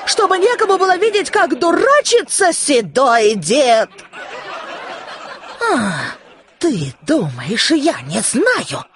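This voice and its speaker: A woman voicing an angry village woman who slowly scolds and accuses a man. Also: high-pitched, noisy background, pitched above the performer's own voice, exaggerated voice. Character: furious scolding village woman, middle-aged.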